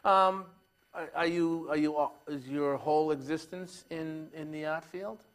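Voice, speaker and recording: Man, TV arts show host, chatty, joking, enthusiastic, slightly high voice. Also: fairly even intonation, a little slow, fairly bright tone. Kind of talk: casual interview chat.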